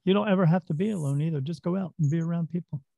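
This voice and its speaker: A man's voice: fairly high pitch, rapid-fire, gravelly, dark tone, dry recording. A man working as a psychic medium, telling stories in a casual interview, rambling and restarting his words. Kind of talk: casual interview talk, storytelling. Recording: dull lo-fi dry recording.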